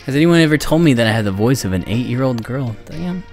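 This young man streams video games and chats loosely with his audience, rambling and teasing himself while his attention drifts. He talks fast in an animated, mid-range voice with a darkish tone. Music plays in the background, and he uses a microphone on a boom arm.

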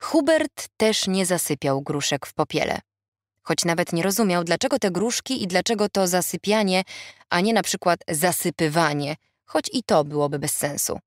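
A woman with a fairly low voice reads a humorous novel aloud in a wry, measured way. She is recorded close to the mic in a dry studio. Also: lively intonation, no echo. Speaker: audiobook narrator. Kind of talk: scripted narration.

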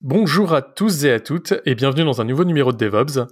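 A man hosting a casual technical podcast interview, halting and heavy on fillers as he asks his questions. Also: medium pitch, expressive. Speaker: podcast host.

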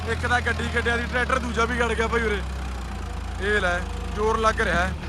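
A man with a Punjabi accent doing loud, hearty, trucker-style banter, calling out to his friends in a casual way. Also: very high-pitched, flat delivery, fairly quick. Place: outdoors in the open beside tractors. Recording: noisy outdoor recording with engines. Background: tractor engines and vehicle noise.

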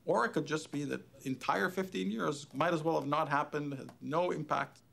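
Earnest man with a gravelly voice. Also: on the high side, normal speed, a bit bright. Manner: earnest, emphatic, self-questioning. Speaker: physicist. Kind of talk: candid interview.

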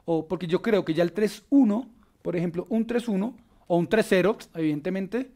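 A man with a Colombian accent hosting a casual basketball panel, enthusiastic and full of filler pauses. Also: high-pitched, dark tone. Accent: Colombian Spanish. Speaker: sports show host.

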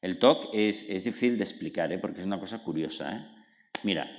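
Casting: male speaker, lowish voice, animated explainer acting out inner dialogues, live talk in a reverberant hall. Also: brisk. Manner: lively explainer, acts out inner dialogues, tag questions. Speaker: author and psychologist. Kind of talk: public book talk. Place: cultural centre hall.

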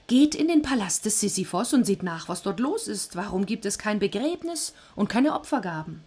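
A woman's voice: mid-range voice, big pitch swings, normal speed, warm tone, husky. A woman playing Hades, greedy indignant underworld god. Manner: commanding, indignant.

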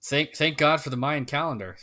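In a casual podcast chat, a male co-host rambles and keeps interrupting himself to restart sentences. His voice sits on the high side, fairly quick and sharp in tone.

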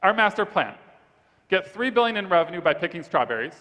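Guy founder pitching on stage, kinda high voice, big echoey hall. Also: very animated, fairly quick, sharp tone. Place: large event hall stage. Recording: reverberant conference hall.

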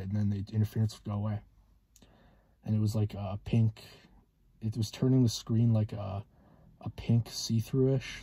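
A man in his twenties gives a casual, halting monologue in a car. His voice is lowish and very mellow, with a husky edge. He hesitates often and leaves long pauses. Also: no room sound. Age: 20s. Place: inside a parked car.

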